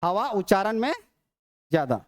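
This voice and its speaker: A teacher leads a demo class at an even middle pitch. They repeat each point, pose a question and answer it themselves. Letters are sounded out slowly and drawn out.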